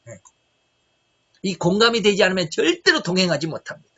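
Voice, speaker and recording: Bright high-voiced Korean preacher, lo-fi. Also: male voice, very animated, a little fast, husky. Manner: emphatic preaching, rhetorical questions, shifting loudness. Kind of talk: sermon. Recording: dull lo-fi recording.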